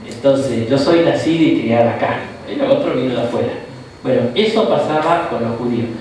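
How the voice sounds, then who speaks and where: Teaching a Bible class, an Argentine bishop speaks fairly quickly in a mid-range voice, keeping things casual with frequent "¿no?" and "¿tá?" check-ins and little asides. The mic sits far off in an echoey room, and there's slight background noise.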